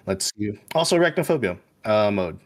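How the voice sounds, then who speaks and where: A man's voice: fairly low pitch, sing-song, fairly quick. A man chatting casually and commenting as he streams a video game. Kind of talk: casual gaming chat and commentary.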